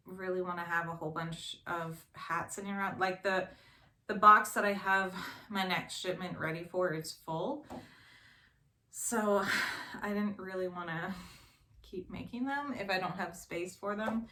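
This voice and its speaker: A woman's voice: mid-range voice, fairly even intonation, a little slow, pushed and bright. A woman in her thirties chatting casually as a knitting vlogger, rambling and correcting herself with lots of fillers. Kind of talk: casual show-and-tell chat. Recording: echoey room with faint noise.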